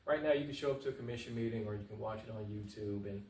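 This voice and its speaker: A man with a lowish, slightly mellow voice answers interview questions as a political candidate, talking in rapid-fire bursts. He keeps it casual, colloquial and emphatic, and he repeats points for stress. The sound is echoey, with a distant mic and faint noise.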